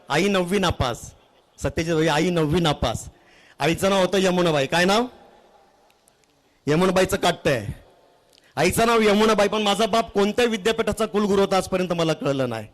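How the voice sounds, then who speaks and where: High-voiced man telling stories to an audience. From Maharashtra, India. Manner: humorous, talks straight to audience members, quick asides; earnest, pleading appeals. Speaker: poet performing for a live audience. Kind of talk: spoken storytelling between sung poems.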